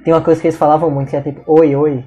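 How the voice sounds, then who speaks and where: A woman co-hosting a casual chat, telling a story quickly and mimicking the people she quotes. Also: low-pitched, little pitch movement, warm tone, soft background music. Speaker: podcast co-host.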